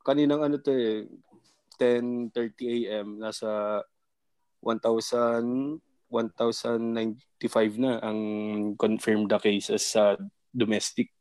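A man chats as a guest over a video call from home. His voice sits mid-range and sounds dry and close, with no room around it. He talks in a relaxed, hesitant way, full of fillers, and often laughs. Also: medium pitch, slow, clear, resonant tone, dry recording. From Japan. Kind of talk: casual video-call chat. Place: home in Japan.

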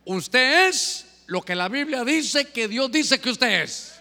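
Bright punchy preacher guy, talks right at the congregation, lots of echo in the hall. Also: very high voice, takes it slowly. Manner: animated, addresses the congregation directly, acts out little scenes. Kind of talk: sermon.

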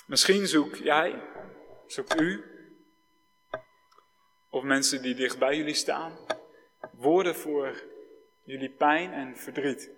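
A man preaching a sermon slowly and solemnly, with long pauses. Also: a little high, a bit bright, slight background noise. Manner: slow, solemn preaching with long pauses, switching between formal and informal address. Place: church hall. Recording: reverberant church hall.

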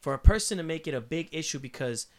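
A man's voice: on the high side, expressive, fast talker, darkish tone. A man from Puerto Rico who is a guest on a podcast. He talks in a casual, emphatic, profane way and lays out his views at length.

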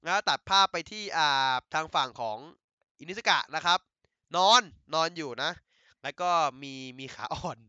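An excitable man retells an anime episode in loose, casual chat, swearing and laughing as he goes. His voice is bright and bouncy, sitting a little high. It comes through a dry, slightly dull home microphone. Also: no echo. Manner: excitable, laughing, crude slang, many restarts. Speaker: anime recap host.

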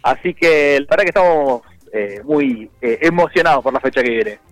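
A man, a murga member chatting as a guest, relaxed and rambling with many fillers and restarts. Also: mid-range voice, moderate pace, dry recording, soft background music, rough recording. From Argentina. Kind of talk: casual phone interview.

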